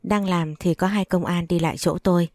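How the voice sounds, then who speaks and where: An audiobook narrator, a woman with a low, mellow voice, tells a first-person story calmly and evenly at a fairly quick pace. The recording is dry and close, with no room around it.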